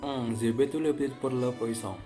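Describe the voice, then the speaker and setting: A man's voice: medium pitch, fairly even intonation, normal speed, dark tone, faint music behind, lightly acted. A young man, playing a restaurant guest in a student role-play and speaking brief learner's French. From Indonesia. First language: Indonesian. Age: 20s.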